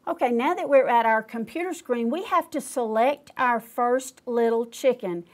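A woman's voice: fairly high pitch, normal speed. An older woman demonstrating quilting step by step, patiently explaining each click aloud in a studio. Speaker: quilting instructor.

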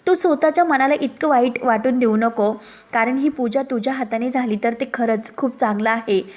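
Woman reading as a gentle old priest. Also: fairly high pitch, normal speed, lightly acted. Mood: reassuring. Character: calm elderly male priest giving blessings.

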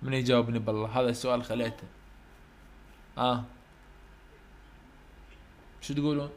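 Iraqi male lecturer, mid pitch, slow on the English, quizzes his students. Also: fairly even intonation, a little hiss or hum. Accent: Iraqi Arabic. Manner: explains in Arabic, reads English questions slowly and carefully; asks students questions and answers them himself. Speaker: university English teacher. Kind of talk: online lecture.

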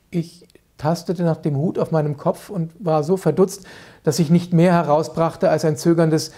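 A man, an author, reads calmly and vividly from a children's book. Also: fairly high pitch. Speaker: author reading aloud. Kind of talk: reading a children's book aloud.

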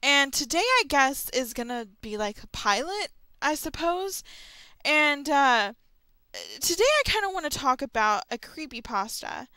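A young adult woman, a vlogger hosting an audio log, rambles casually on her own about horror stories, sounding informal and a touch tentative. Her voice is high with big swings in pitch, her pace is measured, and her tone is sharp, with no room sound.

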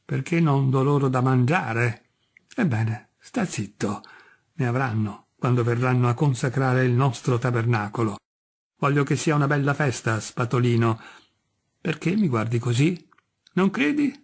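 A man doing a gruff, scornful old landowner. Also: mid-range voice, expressive, unhurried. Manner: brusque and scornful, barking questions. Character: gruff old male landowner, mocking and impatient.

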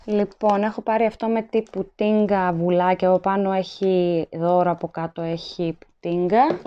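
A woman's voice: on the low side, fairly even intonation, clean tone, dull audio. Chatty woman showing off groceries. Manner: chatty, lists items and weights as she goes. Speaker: vlogger. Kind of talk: casual haul vlog narration. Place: indoors at home, at a table. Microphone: handheld phone camera, filming items up close.

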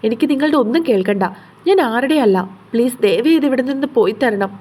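A woman's voice: on the high side, animated, fast talker, a little mellow. A woman reading the lines of a frightened young wife who begs through tears. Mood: tearful. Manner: fearful, tearful pleading.

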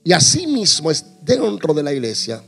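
A man preaches to his congregation, his voice sitting a little high. He jokes and acts out small everyday scenes as he goes. Faint instrumental music plays softly beneath the sermon. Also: huge pitch swings, normal speed, gravelly, breathy edge. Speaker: pastor.

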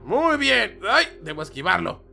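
A man's voice: sits high, big pitch swings, a little slow, gravelly, bright, forceful tone, faint music behind. A man hosting a gameplay video, chatty and dramatic, talking to viewers and crying out at the action on screen. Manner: chatty, dramatic, talks to viewers and cries out at the game. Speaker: gaming channel host. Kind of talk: excited let's-play commentary.

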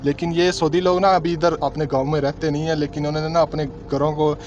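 A man's voice: on the high side, little pitch movement, fairly quick, darkish tone, highs cut off, a little hiss or hum. A young man, chatting casually as a vlogger while riding in a vehicle cab and recording on a handheld phone camera. He talks in a loose, repetitive way and keeps calling his viewers brother. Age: young adult. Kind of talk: casual travel vlog narration. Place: inside a vehicle cab on a drive. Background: background music.

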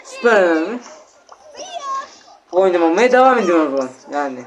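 Excitable young man commentating a game. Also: sits high, fairly quick, a little hiss or hum. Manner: excitable, exasperated, talks straight to viewers. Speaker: gaming channel host. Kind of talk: live gameplay commentary.

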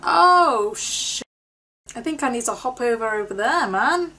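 A woman's voice: a little high, lively intonation, moderate pace, fairly bright tone, poor audio. A young woman, chatting casually and jokingly while she reacts to a film. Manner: chatty, joking, laughs often. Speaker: movie reaction creator. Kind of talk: casual movie reaction commentary.

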